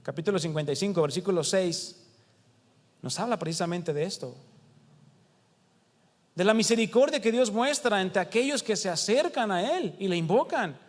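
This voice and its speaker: High-voiced Mexican preacher in a reverberant hall. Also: male voice, animated, normal speed, pauses often. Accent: Mexican Spanish. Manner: conversational preaching with acted quotes and rhetorical questions. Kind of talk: sermon. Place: house of prayer.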